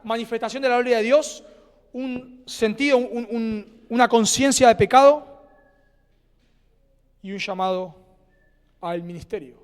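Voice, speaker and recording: A male pastor with an Argentine Spanish accent, preaching a sermon earnestly, with dramatic pauses and phrases that trail off softly. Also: high-pitched. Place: church sanctuary. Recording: church hall with long reverb.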